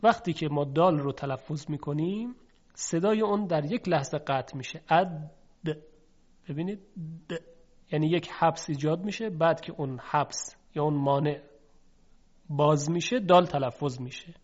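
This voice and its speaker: Man teaching recitation rules, lo-fi. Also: on the high side. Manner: patient explaining, demonstrates sounds aloud. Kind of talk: Quran recitation lesson. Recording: dull lo-fi recording.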